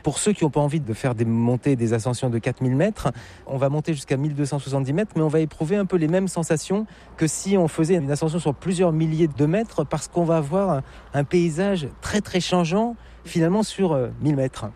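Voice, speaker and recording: A man hosting a radio show, chatting briskly with a guest and narrating the segment. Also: fairly high pitch, warm tone.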